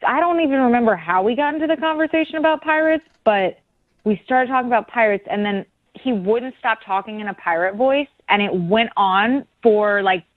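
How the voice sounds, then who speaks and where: A woman's voice: on the high side, expressive, brisk, dry recording. A woman answering an unexpected call, wary and puzzled, frank about a bad date. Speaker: person called on the phone. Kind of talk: phone conversation. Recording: tinny phone line.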